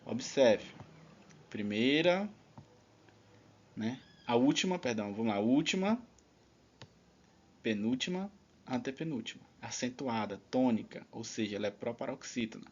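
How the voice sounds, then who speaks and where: A man's voice: mid-range voice, expressive, measured pace, long pauses, slightly rough, lo-fi sound. A man teaching an online exam-prep lesson in a chatty, casual way, leaning on filler tags.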